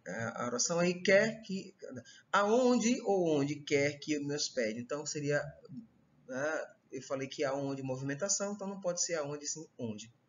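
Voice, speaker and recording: A man's voice: fairly high pitch, moderate pace, dull audio. A man teaching a recorded online Portuguese grammar lesson with a Brazilian accent, explaining step by step and checking in with his students often. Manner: explanatory, repeats "tá?" and "certo?" checks.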